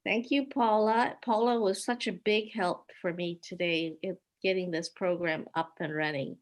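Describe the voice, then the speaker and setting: A woman's voice: lowish voice, steady tone. An older woman from Hawaii, a guest on a video call, telling her life story unhurriedly and stopping now and then to sort out her slides. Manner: unhurried, stops to sort out her screen share. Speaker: interview guest.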